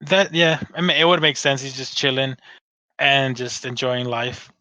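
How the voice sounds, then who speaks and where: Bright-voiced man rambling in casual chat. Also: mid-range voice, moderate pace, dry recording. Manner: rambling, restarts, swears freely. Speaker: podcast co-host. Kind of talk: casual fan discussion. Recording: dull dry lo-fi sound.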